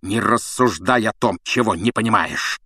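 A man voicing a cruel, vengeful male professor who hisses threats and shouts in rage. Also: lowish voice, moderate pace, husky, no echo, clean studio sound, full character voice. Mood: enraged. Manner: hissing menace turning to shouting rage.

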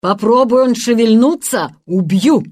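A woman voicing a calm, commanding boy who leads his friends in a storybook reading. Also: fairly high pitch, a little slow, slightly rough. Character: bold, calm boy captain.

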